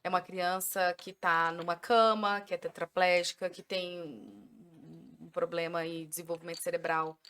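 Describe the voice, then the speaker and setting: A woman's voice: fairly low pitch, little pitch movement, moderate pace, hardly any pauses, fairly bright tone. A Brazilian woman in her thirties, a podcast guest explaining parenting in earnest with everyday examples. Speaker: journalist and parenting educator guest. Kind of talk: casual podcast conversation.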